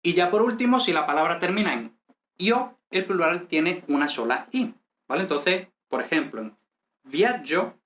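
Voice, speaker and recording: A man with a somewhat high-pitched voice walks through a grammar lesson. He explains patiently and methodically, pausing often to check that his viewers follow. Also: animated, a bit bright. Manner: patient, repeats "¿vale?" to check understanding. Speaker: language teacher. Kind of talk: explaining grammar in a video class.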